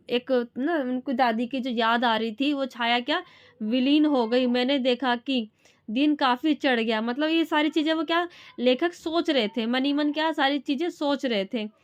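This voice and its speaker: A woman teacher reading a story passage aloud and then explaining it in simple words, often pausing and restarting. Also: high-pitched. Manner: halting, with restarts and fillers.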